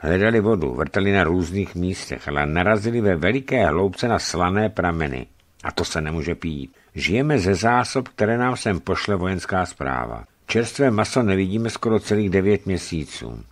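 A weary desert outpost commander lists his hardships in a plain, resigned tone, read by a male narrator. The voice is deep and unhurried, barely set apart from the reader's own. It is part of a spoken travel book. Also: lively intonation.

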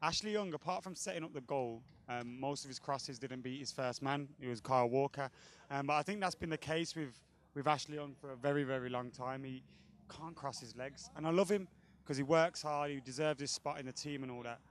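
A man's voice: mid-range voice, a little fast. A young man being interviewed outdoors in a car park by a stadium, speaking into a handheld mic, giving blunt, cheeky, opinionated views. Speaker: guest football fan pundit. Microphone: handheld microphone held by interviewer.

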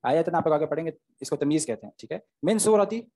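A man's voice: a little high, lively intonation, fast talker, mellow. A man, teaching Arabic grammar in an online class, explaining step by step and often checking "okay?" with his students.

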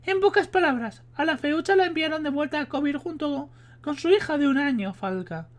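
A Spanish man from Spain narrates expressively at a moderate pace, using a high falsetto for a composed adult sorceress who tells history. The mood is storytelling, though he occasionally trips over words and starts again.

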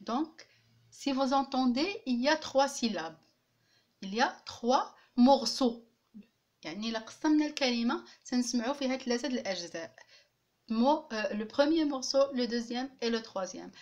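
A woman teaching a French lesson, slowly repeating words and pausing with hesitations. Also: on the high side, lively intonation, darkish tone. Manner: repeats each word slowly, clapping out syllables; frequent hesitations and restarts. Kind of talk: slow classroom lesson.

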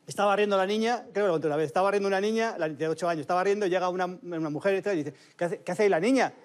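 A man telling comic anecdotes on a panel show, excitable and stumbling over his words. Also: sits high, rapid-fire. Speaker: comedy panel guest. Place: TV studio panel.

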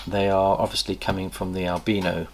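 A low, gravelly voice with a level tone belongs to a middle-aged snake breeder hosting a casual show-and-tell vlog in an indoor reptile room lined with tubs. He chats enthusiastically to a camera across a table, pausing to recall details, with faint room noise.

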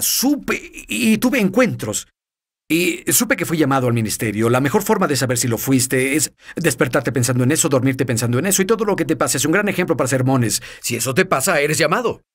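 A man, a guest minister, telling his personal testimony in a TV interview, lively, with chuckles and fillers. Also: mid-range voice, fairly quick.

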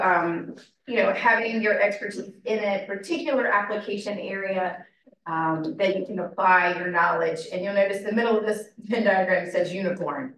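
A hoarse woman, her voice half gone, talks through a presentation in a chatty, filler-heavy way. She is heard from well back in a very echoey classroom, the sound bouncing off the walls. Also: mid-range voice, fairly bright tone. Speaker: program director presenting. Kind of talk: informal presentation. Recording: echoey room from far off.

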